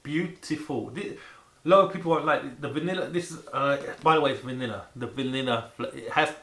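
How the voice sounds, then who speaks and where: A man chatting casually and excitedly to camera about food, rambling and repeating words for emphasis. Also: mid-range voice, quick pace. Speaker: vlogger presenting food to camera. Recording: echoey room with faint background noise.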